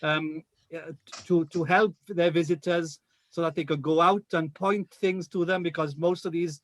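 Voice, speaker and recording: A Welsh man, a guest on a radio show, chats casually over a video call, often repeating words as he searches for them. His voice is a little high and steady, at normal speed.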